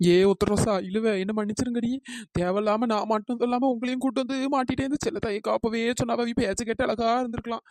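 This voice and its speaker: A bold young village woman in a cartoon story, voiced by a woman, who fires off her words quickly and defiantly. Her voice sits a little high. The recording is dry and close. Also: steady tone, a little mellow, no room sound, close to an everyday voice. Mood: remorseful. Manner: brisk, defiant, scolding village talk.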